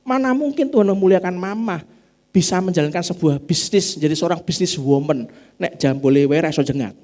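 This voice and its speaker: Lively Javanese-accented male preacher. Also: brisk. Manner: animated, acts out family dialogue in high voices. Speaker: pastor. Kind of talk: sermon. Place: church.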